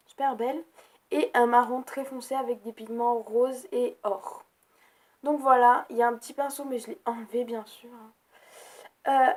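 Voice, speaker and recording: A woman giving a casual makeup product review as a beauty vlogger, hesitant, with many fillers and jokey asides. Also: a little high.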